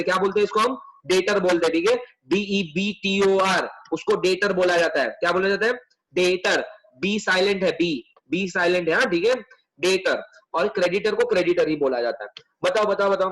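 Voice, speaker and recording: High-voiced chatty man tutoring online. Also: a bit bright, rough recording. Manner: chatty, teasing, coaxing students. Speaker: commerce tutor. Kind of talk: live online class.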